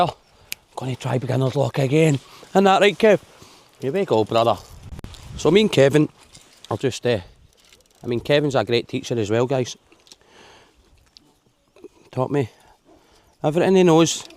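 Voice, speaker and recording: A man's voice: medium pitch, expressive, normal speed, pauses often, darkish tone. Chatty Scottish man by a loch. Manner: chatty, laughing, addresses viewers as guys. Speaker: vlogger. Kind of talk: casual outdoor fishing vlog. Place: lochside forest outdoors.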